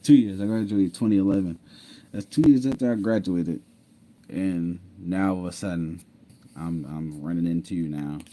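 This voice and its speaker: A man's voice: low voice, normal speed, mellow. A man casually telling his own story to viewers, repeating himself, laughing and saying "mind you". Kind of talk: casual storytelling over screen share.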